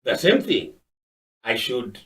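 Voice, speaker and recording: A man's voice: medium pitch, sing-song, slow. A man from Kenya, a guest on a panel discussion, who talks emphatically and repeats his points. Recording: voice from far off the mic.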